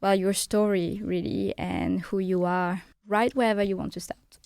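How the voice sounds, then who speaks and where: A woman's voice: medium pitch, steady tone, moderate pace, creaky, a little mellow, clear, resonant tone, no echo, clean studio sound. A woman hosting a podcast interview, asking open questions in an encouraging way. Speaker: podcast host. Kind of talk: casual interview.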